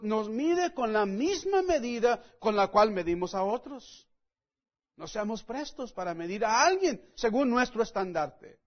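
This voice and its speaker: Earnest male preacher, high voice, measured slow delivery, leaning hard on key words; muffled lo-fi sound. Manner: earnest, repeatedly addresses listeners as friends; emphatic, stresses key words. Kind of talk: sermon with scripture reading.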